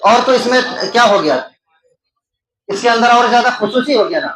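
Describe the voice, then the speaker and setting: A man's voice: extremely high pitch, animated, rough recording. A man teaching an exam-prep lesson to a classroom of students, checking in with them as he goes through questions. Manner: checks in with the class, often asking "right?"; talks loudly over the room to students.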